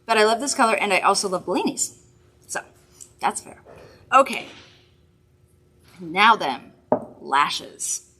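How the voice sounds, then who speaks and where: A woman's voice: medium pitch, sing-song, measured pace, long pauses, pushed and bright, slight background noise. Chatty, giggly woman hosting a makeup live. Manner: chatty, giggly, rambling asides. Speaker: makeup livestream host. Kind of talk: casual product demo chat.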